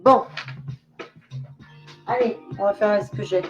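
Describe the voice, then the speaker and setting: An older woman hosting a live clairvoyance stream chats away to her viewers, breaking into giggles and greeting people by name. Her voice sits at a middle pitch and comes through a webcam microphone. Faint music hums behind her. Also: slow pace, highs cut off. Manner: chatty, giggly, talks directly to viewers. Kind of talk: casual live-stream chat.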